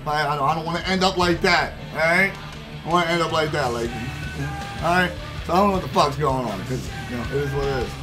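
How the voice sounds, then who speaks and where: A young streamer with a slightly high voice tells a rambling, animated story while gaming, talking fast, cursing freely and stacking up fillers. He speaks into a headset at his gaming desk indoors, with guitar music clearly audible underneath.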